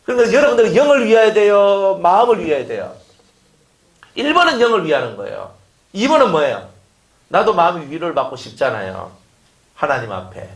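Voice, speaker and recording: A man's voice: high voice, big pitch swings, fairly quick, pauses often. A man preaching a sermon, firing off rhetorical questions and acting out quotes. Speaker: pastor. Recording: echoey room.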